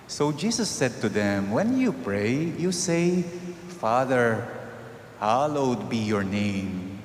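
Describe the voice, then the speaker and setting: A man serving as priest, reading the Gospel at Mass in a measured, solemn way, his voice ringing with cathedral echo. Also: mid-range voice. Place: large church during Mass. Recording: long echoing church reverb, faint hiss.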